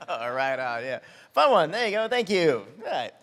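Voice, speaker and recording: A man's voice: fairly high pitch, big pitch swings, a little slow, a bit bright. A male moderator running an audience Q&A at a convention, upbeat and joking. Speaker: panel moderator. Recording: echoey convention hall.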